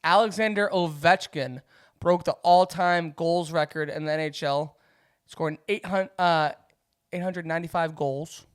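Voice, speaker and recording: A young woman co-hosting a podcast in casual chat, trading gossip and running through sports news in a deadpan way. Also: on the low side, measured pace, clean tone. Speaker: podcast co-host.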